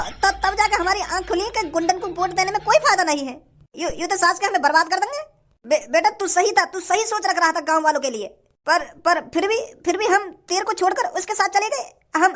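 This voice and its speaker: An older male villager from a cartoon, fickle and quick to plead, stumbling over his words in a rustic way, voiced by a woman. His voice sits very high. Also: fairly bright tone. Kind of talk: cartoon voice acting.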